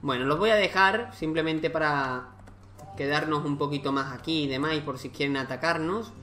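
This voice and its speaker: A man's voice: a little high, moderate pace, pushed and bright. A man giving casual let's-play commentary, thinking aloud and exclaiming as he plays a strategy game. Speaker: gaming YouTuber.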